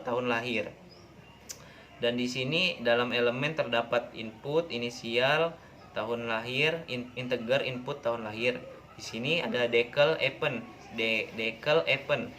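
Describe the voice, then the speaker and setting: A young male informatics student walks through his class programming project in a plain, halting way, correcting himself as he goes. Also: medium pitch, a bit bright, a little hiss or hum. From Indonesia. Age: young adult.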